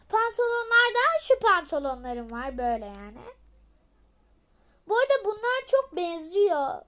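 A young girl with a very high, sharp and bright voice hosts a casual game vlog. She rambles and chats with lots of fillers. She talks loudly on purpose. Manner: chatty, rambling, many fillers. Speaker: channel host.

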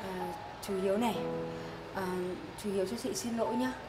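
An actress playing a young single mother who talks to her small son and apologizes to a neighbor, soft and coaxing, with music behind. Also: medium pitch, steady tone, fairly quick, lightly acted. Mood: apologetic. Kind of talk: web drama acting.

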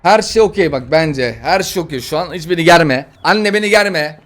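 A man giving excitable, slangy let's-play commentary while playing a game, often frustrated. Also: fairly high pitch, moderate pace. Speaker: gaming YouTuber.

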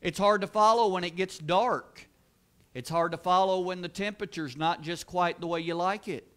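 A man with a high, light voice delivers a church sermon. He preaches earnestly and emphatically, repeating key words and pushing his voice up and louder at the peaks. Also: moderate pace. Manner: earnest, emphatic preaching with rising exclamations and repetition. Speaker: pastor. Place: church sanctuary.

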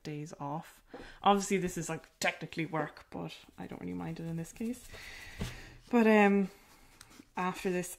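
A woman's voice: lowish voice, a little mellow, a little hiss or hum. A woman with a rural Irish accent chatting casually and self-deprecatingly while she paints on a livestream, with lots of filler words. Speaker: artist hosting a painting livestream.

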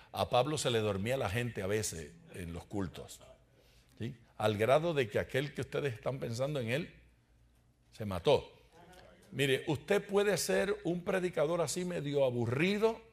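A man teaching a Bible study in sermon style, asking the congregation rhetorical questions and adding humorous asides. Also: on the high side. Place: church.

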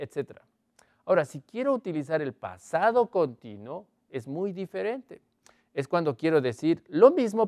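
A man teaching an online English grammar lesson, explaining in Spanish and reading English examples slowly while asking his students questions. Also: on the high side, darkish tone, dry recording. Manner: asks students questions often.

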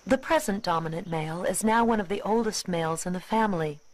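A woman reading scripted nature documentary narration in a measured, expository way. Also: lowish voice, darkish tone, low-quality recording.

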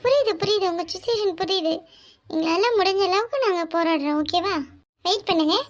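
A woman voicing a brisk, stern hospital nurse in a cartoon, with a southern Tamil Nadu accent. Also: very high-pitched. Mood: businesslike. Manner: businesslike, curt.

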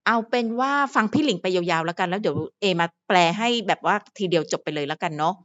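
A woman's voice: lowish voice, lively intonation, fast, fairly bright tone, muffled recording. A woman vlogger who relays and translates an interview in a chatty, rambling way with lots of asides. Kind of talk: casual chat.

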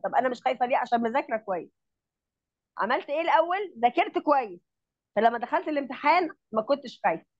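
Egyptian woman, online grammar tutor, slightly high voice, patient step-by-step explainer who checks understanding, muffled call audio. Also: no echo. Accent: Egyptian Arabic. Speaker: Arabic grammar teacher.

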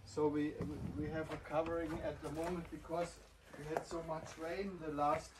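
A man's voice: a little high, level tone, moderate pace. A German-accented man in his sixties giving a casual tour of rooms he renovated, stumbling over words and chuckling often. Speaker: castle owner giving a tour. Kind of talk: casual guided tour chat. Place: converted farm rooms, in and out of doors. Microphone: far handheld camera. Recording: roomy, distant, noisy camera audio.

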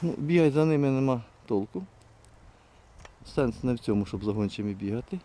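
A man filming his hunt with hounds in fields and woods, giving a hushed, muttered running commentary to viewers on a handheld camera and calling to his dogs. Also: medium pitch, animated, brisk. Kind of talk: live outdoor hunting commentary to viewers.

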